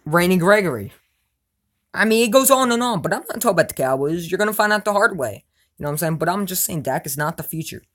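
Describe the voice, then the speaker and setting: A woman with a slightly low voice rants as a sports fan vlogger answering her viewers. She is emphatic and blunt, with loud outbursts that drop to low mutters. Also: lively intonation, quick pace. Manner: emphatic, repeats "you know what I'm saying". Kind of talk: casual opinionated rant.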